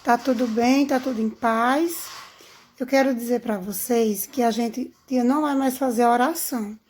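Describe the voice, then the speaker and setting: A woman's voice: fairly high pitch, moderate pace, darkish tone. A woman teaching young children a remote lesson, speaking in a sing-song, affectionate teacher manner, recorded on a phone. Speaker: primary school teacher.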